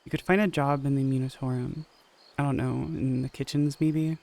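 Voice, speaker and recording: A man's voice: medium pitch, fairly even intonation, moderate pace, gravelly, a little mellow, close to an everyday voice. A man reading the lines of an earnest young male soldier who pleads with the woman he loves, in an audio story. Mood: pleading.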